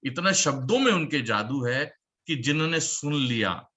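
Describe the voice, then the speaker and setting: Upbeat bright-voiced male presenter. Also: expressive, moderate pace. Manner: upbeat salesman's pitch with emphatic repetition. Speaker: presenter at a business opportunity meeting. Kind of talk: presentation to an audience, calling slides and applause.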